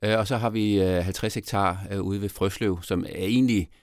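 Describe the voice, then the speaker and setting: A man's voice: lowish voice, steady tone, a little mellow, no room sound, studio quality. A middle-aged man with a Copenhagen Danish accent, a mayoral candidate answering podcast interview questions with many restarts and fillers. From Denmark.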